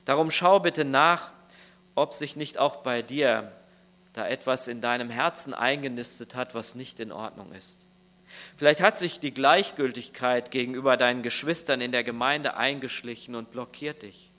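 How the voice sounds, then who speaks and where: A male pastor delivering a sermon in an earnest, searching tone, turning again and again to address the listener directly. His voice is bright and forward. He speaks at an ordinary pitch. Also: moderate pace.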